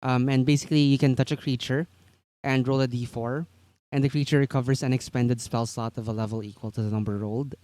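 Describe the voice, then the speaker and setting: A man's voice: mid-range voice, steady tone, fast talker, dark tone, no room sound. A young man from the Philippines hosting a casual chat about tabletop games, easygoing, explaining things at length with many fillers. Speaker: host.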